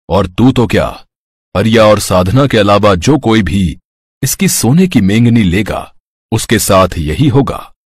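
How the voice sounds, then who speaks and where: A man's voice: fairly low pitch, darkish tone, breathy edge, no echo, exaggerated voice. A man voicing a stern wandering holy man who solemnly pronounces judgement in a cartoon story.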